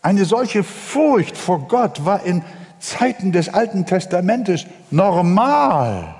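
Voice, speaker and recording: A man preaching a sermon, swinging from ringing emphasis to hushed low tones, with hesitant fillers between phrases. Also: very animated, slow. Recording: long hall reverb.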